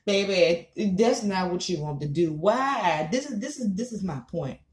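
An American woman in her thirties who does online commentary vlogs rants to camera, casual and blunt, emphatic and repetitive, swearing freely. Her lowish voice is animated and runs at normal speed, in an echoey small room.

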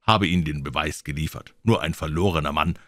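A man's voice: a bit bright, no echo, clean studio sound. Man doing a cool haughty prince. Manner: low, measured and haughty. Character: cool, proud aristocratic prince, commanding.

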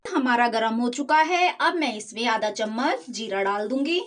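Cooking in her home kitchen, a woman with a fairly high, slightly bright voice speaks at normal speed with animation. She hosts a cooking channel and plainly walks through each recipe step, while sizzling and stirring in a pan come through clearly.

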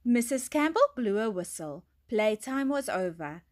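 A woman teacher reads a children's storybook aloud, slow and clear, in a fairly high voice. Her pitch swings widely as she brings each page to life. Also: big pitch swings, a little mellow.

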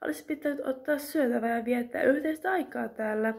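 A woman's voice: on the high side, gravelly, a little mellow. A woman voicing Nadja, a brave young girl exploring with her friends, with a firm, matter-of-fact manner.

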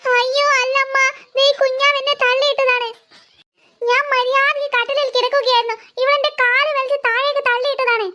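A woman's voice: very high voice, level tone, brisk, bright, forceful tone. A woman voicing a quarrelsome young cartoon girl who bickers with her sister. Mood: whiny. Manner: whiny, squabbling.

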